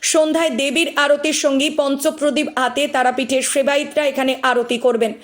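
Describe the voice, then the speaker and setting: Woman reading news voiceover, high pitched, even formal tone. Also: moderate pace. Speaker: news reporter. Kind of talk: scripted news narration.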